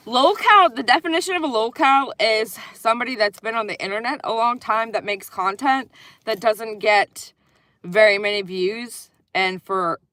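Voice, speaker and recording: A woman's voice: medium pitch, fairly bright tone. A woman talks through a casual livestream in a middle-range voice, circling her points with fillers and restarts. She is blunt and doesn't mind swearing. The sound is dry and close, with no room echo. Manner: rambling, many "like" fillers and restarts. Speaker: channel host.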